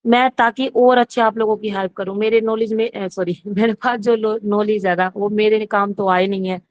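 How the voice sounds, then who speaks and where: A woman teaching in a casual lecture, stopping to correct herself and asking and answering her own questions. Her voice sits at a middle pitch, close to the mic and dry, with a dull lo-fi sound. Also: fairly even intonation, moderate pace, no room sound. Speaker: psychology teacher. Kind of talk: exam-prep lecture, casual Hindi-English mix.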